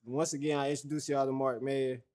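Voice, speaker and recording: A man's voice: mid-range voice, level tone, brisk, darkish tone. A young man from Fayetteville, North Carolina, hosting a livestream in loose, slangy, profane casual chat full of fillers. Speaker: livestream host.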